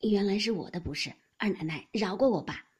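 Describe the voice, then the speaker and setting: A woman voicing a young nobleman husband who talks in an apologetic, placating way, with a breathy voice. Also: mid-range voice, animated, a little fast, darkish tone.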